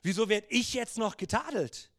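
A man's voice: high-pitched, expressive, moderate pace, a bit bright, no echo, clean studio sound, full character voice. A man voicing a soaked, sulking apostle who mutters and complains that he has been wronged. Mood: aggrieved.

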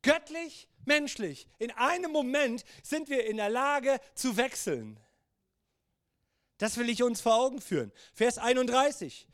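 A preacher in his fifties with a notably high voice tells his sermon as a lively, conversational story. The sound is close and dry, with no room echo. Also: unhurried.

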